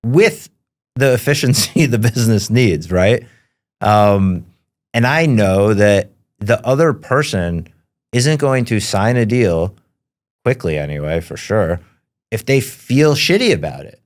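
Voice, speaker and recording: A man with a fairly low voice hosts a casual podcast. He talks in a loose, conversational way and keeps checking in with his guest. His delivery is relaxed and friendly. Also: unhurried. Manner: chatty, conversational, tag questions. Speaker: podcast host.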